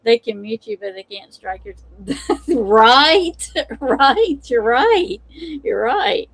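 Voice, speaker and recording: A woman's voice: a little high, very animated, takes it slowly, creaky, a bit bright, no room sound. A woman hosting a tarot live stream, chatting casually, laughing and mocking herself. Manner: laughing, self-mocking, exclamatory. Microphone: computer mic.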